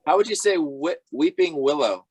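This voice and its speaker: A man's voice: a little high, expressive, normal speed, darkish tone, husky. A man chiming in on a podcast with casual, joking banter.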